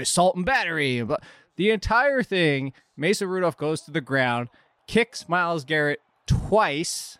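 An energetic man with a fairly high voice hosts a sports talk show and walks viewers through the incident. The sound is dry and close, with no room echo.

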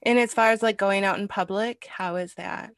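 An American woman hosting a casual interview podcast. Her voice is nasal and congested from a cold, with noticeable creak. The sound is dry and close. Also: medium pitch, fairly even intonation, normal speed, dry recording. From Wisconsin, United States. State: has a cold. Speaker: podcast host.

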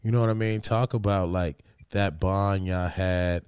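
A man in his forties hosting an interview, asking easygoing questions in a relaxed, laughing manner. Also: low voice, unhurried, clean tone, dry recording, studio quality. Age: 40s. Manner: laid-back, laughs often, easygoing questions. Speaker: podcast host. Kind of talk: casual interview chat.

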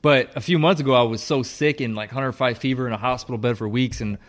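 A man's voice: medium pitch, fast. A man co-hosting a podcast, talking bluntly and swearing a lot in casual chat. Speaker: podcast co-host.

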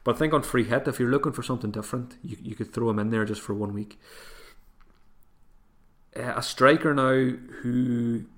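A podcast host whose voice is growing hoarse talks through his picks in a solo advice episode, thinking out loud with frequent fillers and restarted phrases. He speaks at normal speed, his pitch in the ordinary middle range.

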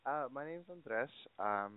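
A man in his twenties from Southern California calls in for an advice conversation over a tinny phone line that sounds faint and distant. His mid-range voice is animated but slow, and he talks hesitantly, rambling with many fillers.

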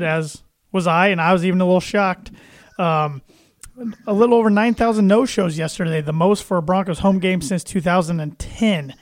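Guy hosting a sports podcast, kinda high voice, chatty, dead dry sound. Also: no echo. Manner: chatty, friendly, with frequent fillers. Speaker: podcast host. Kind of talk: casual sports podcast chat.

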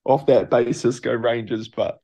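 A man's voice: mid-range voice, steady tone, a little slow, warm tone. A young man with a New Zealand accent, a professional rugby player answering interview questions in a loose, laid-back way. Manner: laid-back, loose, lots of filler phrases.

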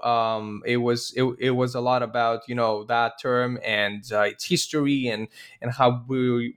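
A man's voice: mid-range voice, smooth. A man hosting a podcast interview, introducing his guest and asking questions with stammered restarts and fillers. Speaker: podcast host.

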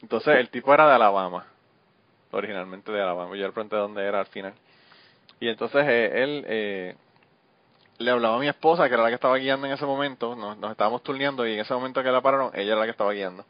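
A man, hosting a podcast in quick, laughing casual chat. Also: mid-range voice, no room sound. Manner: fast-talking, laughs often. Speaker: podcast host. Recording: dull, slightly lo-fi audio.

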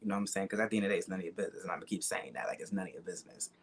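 A man's voice: sits low, steady tone, very fast, slightly rough. A young man, talking casually and candidly in an emphatic, repetitive, slangy way with some swearing.

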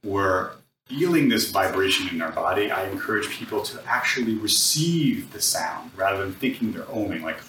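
A man's voice: deep voice, expressive, normal speed, sharp tone, distant mic, slight background noise. A man teaching healing vowel sounds as a podcast guest, singing each tone and checking in with "right?". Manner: demonstrates vowel tones by singing them; earnest, ends points with "right?". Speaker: vocal sound healer guest. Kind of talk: guided chakra sound teaching. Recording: echoey room, voice off-mic.

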